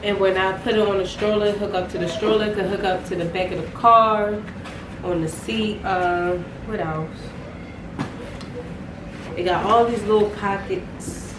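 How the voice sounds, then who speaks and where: A young woman vlogging casually to her viewers, relaxed and chatty and short of breath. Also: mid-range voice, measured pace. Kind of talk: casual chat to camera. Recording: echoey room, voice a bit far from mic, clear background noise.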